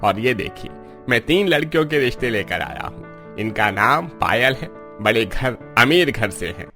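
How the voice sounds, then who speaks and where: A jovial middle-aged priest who brings marriage proposals in a cartoon, voiced by a man. He sounds cheerful and reassuring. His tone is bright and forceful, with light music underneath. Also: medium pitch, very animated, measured pace, exaggerated voice.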